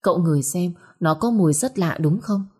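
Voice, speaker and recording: A woman voicing a gentle young wife who speaks softly, calmly and humbly. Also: on the low side, moderate pace, slightly rough. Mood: humble. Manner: soft, humble, calm.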